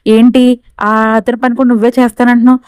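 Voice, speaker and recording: A woman's voice: on the high side, level tone, fast, mellow, clear, resonant tone, no room sound, close to an everyday voice. A woman voicing a harsh, scornful male work supervisor who gives orders.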